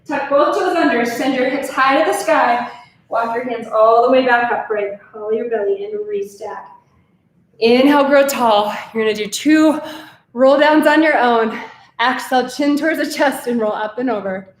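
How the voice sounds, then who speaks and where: A woman's voice: a little high, normal speed. Breathless woman pilates instructor, echoey studio. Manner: counts reps and cues breathing while demonstrating. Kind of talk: live online workout class. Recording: very echoey room with faint noise.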